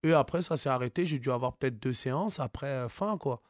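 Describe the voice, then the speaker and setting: A man's voice: mid-range voice, a little fast, no echo, studio quality. A man from France, an author being interviewed, speaking casually with many fillers and restarts.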